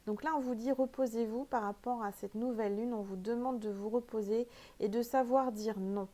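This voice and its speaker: A woman's voice: fairly high pitch, fairly even intonation, normal speed, warm tone. A woman with a French accent doing a casual spiritual oracle card reading, chatty and emphatic, with many fillers.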